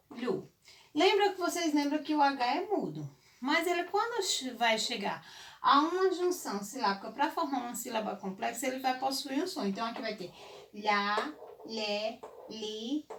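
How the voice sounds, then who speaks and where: Patient teacher woman, a bit high. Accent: Brazilian Portuguese. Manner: slow, patient, spells out syllables and checks with "certo?". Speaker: primary school teacher. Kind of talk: recorded remote lesson for young children.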